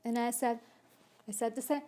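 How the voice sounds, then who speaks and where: A middle-aged woman from Turkey with a Turkish accent, telling her story in a relaxed interview, with many fillers and restarts. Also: on the high side, normal speed. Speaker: city council candidate. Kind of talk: casual interview chat.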